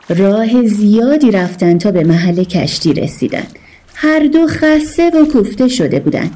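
Expressive woman telling a kids story. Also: fairly high pitch. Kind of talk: children's story narration.

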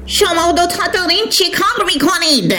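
A woman's voice: extremely high pitch, bright, forceful tone, a little hiss or hum, pitched above the performer's own voice. A woman voicing a vain, bossy male octopus who guards a sunken ship, talking in a pompous, boastful, stern way.

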